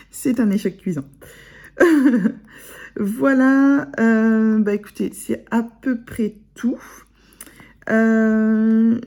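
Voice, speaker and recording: A woman with a northern French accent chatting casually to her viewers in a vlog, self-mocking and quick to laugh. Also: medium pitch, gravelly, mellow. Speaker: vlogger. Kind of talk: casual chat to camera.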